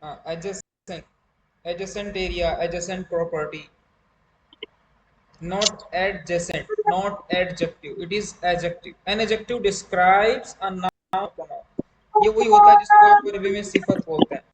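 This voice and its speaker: Slow, high-voiced man teaching English. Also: animated. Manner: explains slowly, drawing out English words. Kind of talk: online class lesson. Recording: echoey room with faint noise.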